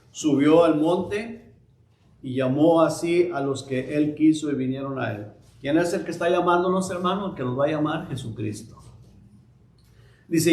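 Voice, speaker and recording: A man preaching a sermon as pastor, swinging between emphatic declarations and quieter readings of scripture. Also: mid-range voice, roomy sound.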